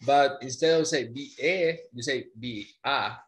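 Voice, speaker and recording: A man's voice: medium pitch, unhurried. Playful male tutor. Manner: playful, teasing, mock-dramatic. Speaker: Spanish tutor. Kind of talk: online language lesson.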